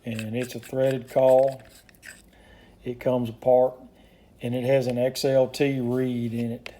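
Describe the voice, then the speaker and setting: A man giving a casual product demonstration as a maker of hunting calls, explaining in a plainspoken, folksy, unhurried way. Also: medium pitch, level tone, mellow. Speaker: duck call maker demonstrating his product.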